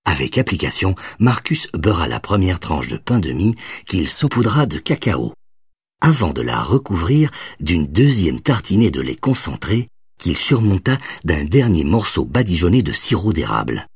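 Deep husky guy reading an audiobook, super expressive, dry close sound. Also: normal speed, no echo. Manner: expressive storytelling, varied delivery. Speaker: narrator. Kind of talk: audiobook narration.

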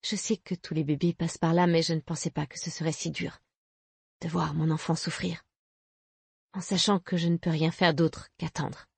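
A woman voicing a protective, shaken young mother who talks softly and haltingly in an audiobook. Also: lowish voice, steady tone, husky, no room sound. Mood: tender.

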